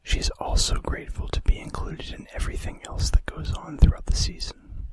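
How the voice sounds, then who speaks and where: A man speaks in a breathy whisper for ASMR listeners, his hushed, deliberate delivery sounding like he's reading from a script. He drops in casual asides in the same unvoiced tone, and there's no room sound.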